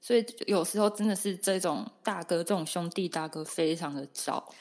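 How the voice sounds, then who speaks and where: A woman's voice: lowish voice, a little fast. A young woman, co-hosting a podcast and dramatically retelling a story in casual chat. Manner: lively, dramatic retelling with acted-out asides. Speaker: podcast co-host.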